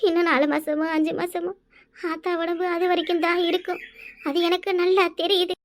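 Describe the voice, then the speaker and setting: Cartoon village mom, southern tamil twang, super high shrill voice, wails and guilt-trips her son. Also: flat delivery, fairly quick. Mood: pleading, reproachful. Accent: southern Tamil Nadu village dialect. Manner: wailing, reproachful pleading. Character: aging village mother, grief-stricken and scheming. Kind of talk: cartoon voice acting.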